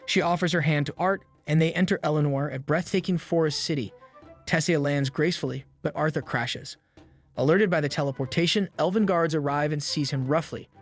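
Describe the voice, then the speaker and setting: Higher-voiced man narrating a recap. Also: fairly quick, soft background music. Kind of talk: scripted narration.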